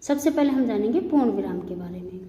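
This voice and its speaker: A woman teaching a Hindi grammar lesson to students, explaining step by step and reading examples slowly. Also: fairly high pitch, lively intonation, warm tone. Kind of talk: classroom lesson. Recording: muffled echoey room with long reverb, faint hiss.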